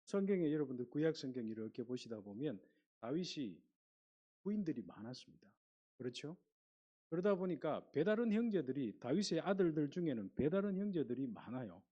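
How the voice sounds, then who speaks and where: A man's voice: fairly high pitch, a little fast, lo-fi sound. A male pastor giving a sermon, reading scripture aloud and putting questions to the congregation. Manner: animated preaching, reads scripture aloud, asks the congregation questions.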